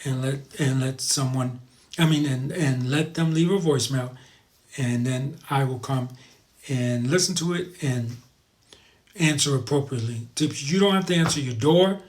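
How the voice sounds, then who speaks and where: A male live show host chats informally with his viewers, calling them "guys" and reading their comments aloud. His medium-pitched, darkish voice moves at a moderate pace as he rambles and repeats advice for emphasis.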